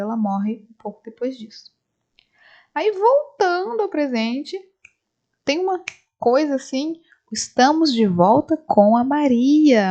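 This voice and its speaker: A woman's voice: fairly high pitch, warm tone. A woman casually retelling a film scene by scene for her channel, acting out the characters' lines as she goes. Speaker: film reviewer. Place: home, right after the cinema. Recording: slightly dull lo-fi sound.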